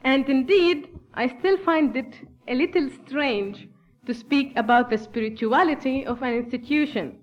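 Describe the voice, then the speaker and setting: Speaking English with an Arabic accent, a Bethlehem-born Palestinian woman, Arabic her native tongue, delivers an earnest, measured formal speech to a church gathering. Her voice is high, and the sound is lo-fi.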